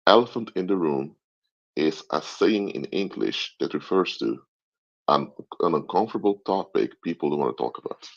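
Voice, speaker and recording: Raised in the Netherlands after a Curaçao birth, this anthropologist and live stream host, native in Papiamento and Dutch, talks in a very deep, gravelly voice at a normal, animated speed. His casual monologue is explanatory, full of repeated and restarted phrases, heard through dull, lo-fi stream sound.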